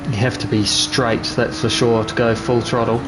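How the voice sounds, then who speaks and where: A man with a New Zealand accent commentating his own sim racing live, chatty and relaxed, answering chat. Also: mid-range voice, moderate pace, very noisy. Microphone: gaming headset.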